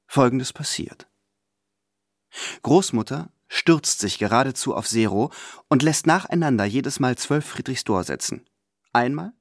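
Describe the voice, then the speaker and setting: A man narrating a novel in the first person in an expressive, scripted audiobook reading. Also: medium pitch, breathy edge, dry recording, clean studio sound.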